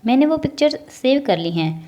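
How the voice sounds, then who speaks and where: A woman voicing a cheeky, lazy teenage girl who teases her family in a bubbly, higher voice, in a storybook reading. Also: sing-song, warm tone.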